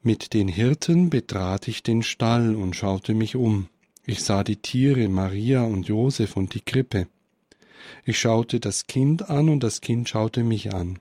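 Man, spiritual speaker, contemplative Christmas reflection, measured, mellow tone. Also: lowish voice, no room sound, studio quality. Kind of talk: Christmas reflection and story reading.

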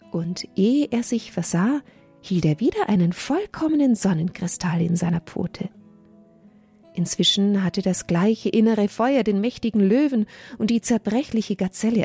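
A woman narrating a children's story in an expressive, melodic way. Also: mid-range voice, slightly rough.

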